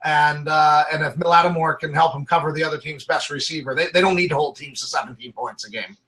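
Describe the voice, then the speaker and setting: A man's voice: on the high side, fast talker, pushed and bright, low-quality recording. A man giving opinionated, casual sports commentary as a draft analyst.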